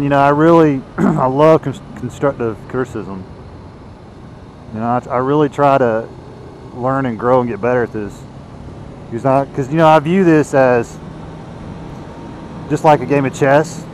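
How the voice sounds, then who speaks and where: A man's voice: mid-range voice, normal speed, long pauses, darkish tone. A man from the United States chats casually and rambles as he rides, recorded inside a motorcycle helmet. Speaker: motovlogger. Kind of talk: casual rambling vlog while riding. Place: outdoors, riding a motorcycle on the road. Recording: noisy helmet mic with vehicle noise. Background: engine and road noise.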